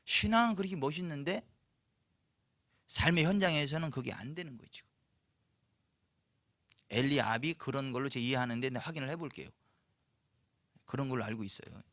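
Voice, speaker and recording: A man preaching a sermon at a church night service, telling the story lively and asking the congregation questions. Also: mid-range voice, normal speed, pauses often, no echo, studio quality. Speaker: pastor.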